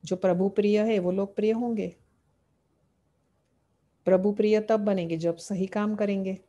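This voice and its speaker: A woman gives a devotional talk in a mellow, warm voice. She poses questions to her listeners and answers them, returning again and again to the same phrases. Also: medium pitch, fairly even intonation, unhurried, lo-fi sound. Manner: asks rhetorical questions and answers them, repeating key phrases. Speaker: spiritual teacher. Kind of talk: devotional sermon explaining scripture.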